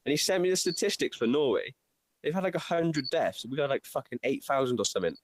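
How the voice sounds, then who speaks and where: A man's voice: medium pitch, sing-song, quick pace, slight background noise. A man hosting a casual livestream chat, laid-back and swearing freely. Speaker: livestream host.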